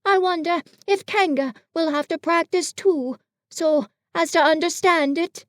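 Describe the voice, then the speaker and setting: Woman playing a humble, slow-witted teddy bear. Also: very high-pitched, dry recording, clean studio sound, voice pushed up. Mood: wistful. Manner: slow, soft and gentle.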